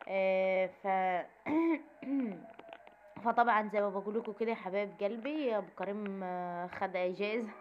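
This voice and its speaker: Fast-talking Egyptian woman telling a story. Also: medium pitch. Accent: Egyptian Arabic. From Egypt, Sharqia. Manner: chatty, keeps calling viewers "my dears", asks them who is wrong. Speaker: vlogger. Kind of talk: casual storytelling to viewers. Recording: slightly dull audio with faint background noise.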